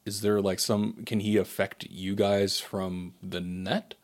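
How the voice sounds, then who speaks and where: A man's voice: fairly low pitch, little pitch movement, slow. A man playing a tabletop game, asking questions and restarting his sentences. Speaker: player. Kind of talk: casual tabletop game chat.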